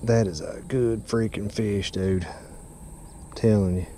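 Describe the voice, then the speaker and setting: A man's voice: lowish voice, steady tone, slow pace, mellow. A young man with a Kentucky accent, talking to himself and his viewers while fishing from a pond bank, recorded on a head-mounted camera. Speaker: fishing vlogger. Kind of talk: casual running commentary. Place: outdoors at a grassy pond bank. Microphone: head-mounted action camera. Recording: outdoor wind noise.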